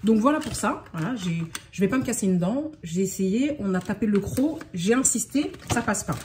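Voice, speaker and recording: A woman's voice: mid-range voice, expressive, moderate pace, background noise. A woman from France in a casual unboxing vlog, talking in a scattered, self-interrupting way and getting worked up. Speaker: vlogger.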